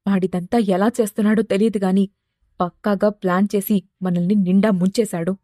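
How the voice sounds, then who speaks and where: A woman's voice: mid-range voice, steady tone, fairly quick, warm tone, no echo, studio quality, close to an everyday voice. Woman voicing a spoiled rich son, young man, arrogant, irritated, dismissive.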